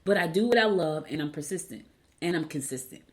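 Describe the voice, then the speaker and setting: A middle-aged woman with a fairly low voice gives an encouraging podcast talk. She speaks with braces, so words come out a little slurred and sometimes stumble. She is candid and repeats key phrases to drive them home. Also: lively intonation, fairly quick, a little mellow. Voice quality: slightly slurred speech from braces. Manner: talks with braces, stumbling over words at times. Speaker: podcast host. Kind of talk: motivational solo podcast talk.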